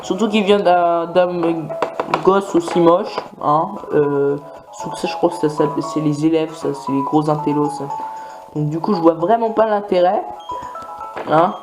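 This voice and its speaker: A man's voice: fairly high pitch, fairly even intonation, measured pace, over music. Rambling man narrating a video game. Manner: rambling, many fillers and restarts. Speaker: video game let's player. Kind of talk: casual gameplay commentary.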